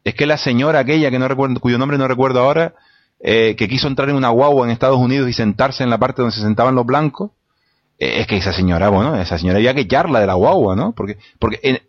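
A man's voice: mid-range voice, quick pace, no room sound. Man ranting in a studio debate, lots of ums, dry dull sound. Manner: emphatic, rhetorical, with many hesitant fillers. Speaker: debate guest. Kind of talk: impassioned studio debate argument.

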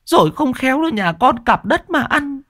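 A frightened middle-aged woman, as a storyteller puts her on, pleading in a strained, high wail with a lively swing. The sound is dry and close. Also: moderate pace, dry recording, exaggerated voice. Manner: pleading, wailing.

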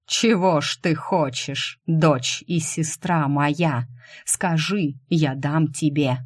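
Brief: menacing tempting dark deity, male, read by a woman, low, slow and pressing. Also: breathy edge, exaggerated voice. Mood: coaxing menace.

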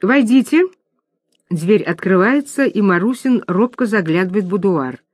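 A woman's voice: medium pitch, normal speed, no room sound. Woman reader, mid-range voice, reading a play's stage directions; dry, close sound. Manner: even, clear narration of stage directions.

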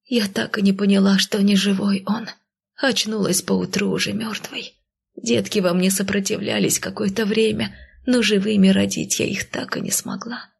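A woman voicing a frightened, gentle undead young mother who speaks softly and beseechingly. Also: mid-range voice, flat delivery, normal speed, creaky, slightly rough, voice pushed up. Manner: soft, whispered and beseeching.

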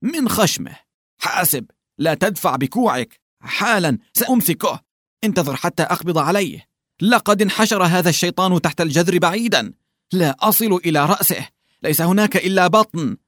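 A tall, thin peasant with a hoarse, muffled voice that seems to rise from his belly, as a male narrator puts him on. He grumbles, mocks and bickers in a high, strained tone that swings widely. It is a dry, close storybook reading. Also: sing-song, a little fast, no echo. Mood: gruff, quarrelsome. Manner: grumbling, quarrelsome.

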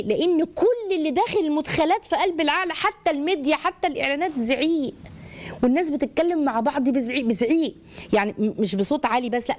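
A middle-aged woman with an Egyptian accent, giving family advice on a live call-in show in an animated way. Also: high-pitched. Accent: Egyptian Arabic. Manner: animated, acts out shouting voices in stories. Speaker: family counselor answering viewers.

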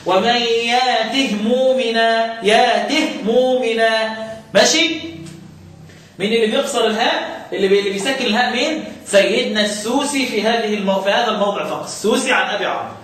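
A man with an Egyptian Arabic accent teaching Quran recitation in a classroom lesson, quizzing his students and chanting lines of verse slowly. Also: sits high, lively intonation, a bit bright. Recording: very echoey room, far from the mic.

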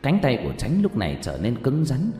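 A man narrating a horror story with dramatic, expressive delivery. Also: medium pitch, brisk. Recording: echoey reverb with background music.

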